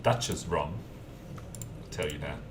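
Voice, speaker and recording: With a rumbling low voice and a slow pace, a German man with a mild German accent and an Australian twang chats easygoingly with viewers while building in a game, answering their questions between tasks. It's a casual live stream; the mic sits at a distance, and keyboard typing and other noise fill the background.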